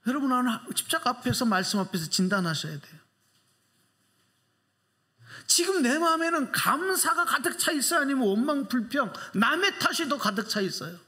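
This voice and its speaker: Very animated, sharp-toned, and at a moderate pace, the pastor delivers an emphatic church sermon. Rhetorical questions press on the congregation while his pitch swings widely for emphasis.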